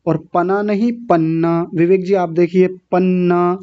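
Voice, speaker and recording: A man teaching Sanskrit pronunciation in an online class, correcting syllable by syllable and clearing his throat often. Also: high voice, fairly even intonation, muffled recording. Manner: slow, deliberate syllable-by-syllable correction.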